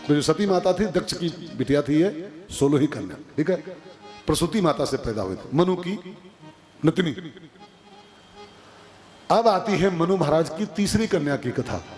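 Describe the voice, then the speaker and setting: Lively higher-pitched male preacher. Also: measured pace, pauses often, soft background music. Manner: lively, repetitive, rhetorical questions to audience. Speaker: kathavachak preacher. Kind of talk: devotional katha sermon.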